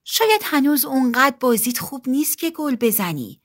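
A woman's voice: high voice, sing-song, pitched above the performer's own voice. A woman voicing a blunt, cheeky older brother in a storybook reading, teasing.

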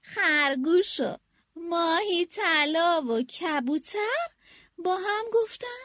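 A woman reading a children's animal story aloud in an animated storyteller manner. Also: extremely high pitch, dry recording, studio quality. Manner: animated, does all the animal voices.

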